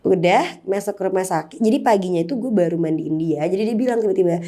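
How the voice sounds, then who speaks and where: A woman speaking, with a warm, mellow tone at a middle pitch. She tells a personal story to an interviewer in a candid, emotional way and drops in English words. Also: quick pace. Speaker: interview guest. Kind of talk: personal storytelling in casual chat.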